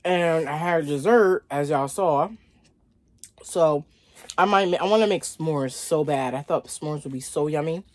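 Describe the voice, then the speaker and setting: A woman in her thirties chats casually with viewers from a small bedroom, doing a mukbang, chewing and eating as she talks and saying "like" out of habit. Her voice is low and darkish, her pace measured, with no echo.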